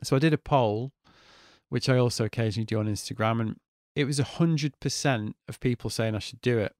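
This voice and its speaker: Brisk and a little mellow, this medium-pitched voice belongs to a podcast host in his forties who delivers a relaxed, candid solo monologue, cursing liberally. The sound is clean studio audio with no echo.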